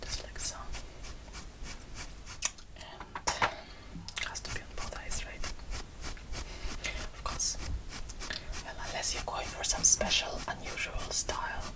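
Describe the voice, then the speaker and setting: Young woman whispering fast ASMR role-play. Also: recorded from a distance, rough recording. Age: young adult. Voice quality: breathy whisper. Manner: brisk, repetitive fast ASMR delivery, attentive. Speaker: ASMR performer playing a make-up artist. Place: small indoor room.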